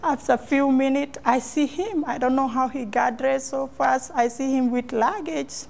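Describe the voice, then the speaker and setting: A woman interviewee giving an emotional personal account, halting and repeating phrases in non-native English. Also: high-pitched, steady tone, gravelly, darkish tone.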